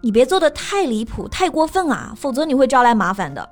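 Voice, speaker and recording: Higher-voiced woman casually teaching english slang, chatty, faint music under her. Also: sing-song, a little fast. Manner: chatty, explains with example sentences. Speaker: co-host of an English lesson podcast. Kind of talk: casual bilingual teaching chat. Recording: light background music.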